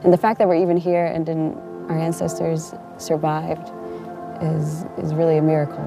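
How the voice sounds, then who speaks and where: Young woman, soft-spoken and reflective, lowish pitch, music bed underneath. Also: flat delivery, moderate pace. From United States. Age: young adult. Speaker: interviewee. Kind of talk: documentary interview.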